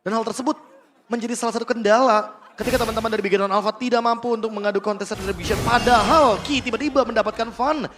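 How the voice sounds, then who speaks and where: A man's voice: high-pitched, quick pace, fairly bright tone, slight background noise. A man with an Indonesian accent giving explanatory, wordy analysis as an esports caster.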